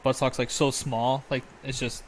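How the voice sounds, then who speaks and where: A man's voice: medium pitch, flat delivery, normal speed. Guy rambling on a podcast, swears a lot, loose and chatty, bit of faint hiss. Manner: loose, profane, rambling storytelling. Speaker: podcast co-host. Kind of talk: casual chat.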